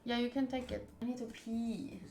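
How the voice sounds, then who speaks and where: Her voice is a little high yet gravelly and darkish, with fairly even intonation and normal speed. She's streaming a visual novel, reading it aloud with casual asides to viewers, as faint game music plays in an echoey room.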